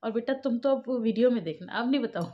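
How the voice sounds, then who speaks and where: Young woman, casual home vlog, talkative, somewhat high-pitched, muffled phone audio. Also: fast talker. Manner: chatty, scolds children firmly. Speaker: family vlogger.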